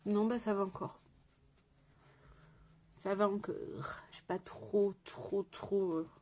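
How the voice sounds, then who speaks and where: A French-accented makeup artist chats casually through a live tutorial, greeting viewers and joking about herself. Her voice is medium-pitched, steady, slow and dark.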